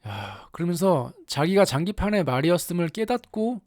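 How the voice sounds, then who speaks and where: A commentator telling a story in a casual, animated way, with exaggerated asides and rhetorical questions to the audience. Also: mid-range voice, normal speed, no room sound, studio quality. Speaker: YouTube anime commentator.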